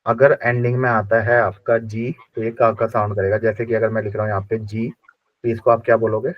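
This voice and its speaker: A man teaching a language class, drilling pronunciation slowly and repeating each word many times. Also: on the low side, little pitch movement, muffled recording. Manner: slow repetitive drilling of pronunciation. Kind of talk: classroom lesson.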